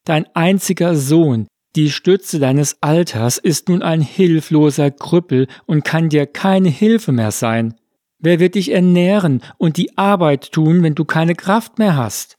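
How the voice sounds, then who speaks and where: A man voicing an agitated crowd of villagers in a storybook reading, with excited, lamenting delivery. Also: a little high, takes it slowly, no room sound, clean studio sound.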